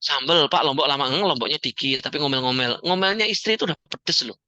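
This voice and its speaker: A man giving a joking, animated motivational talk to an audience as the founder of a community. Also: a little high, fast talker, highs cut off. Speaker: founder and coach of a debt-free community.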